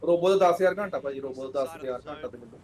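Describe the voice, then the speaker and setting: A man's voice: mid-range voice, very fast, a little mellow. A man chatting casually on a game stream, explaining things step by step and checking that his listener follows. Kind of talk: casual chat on a game watch party stream.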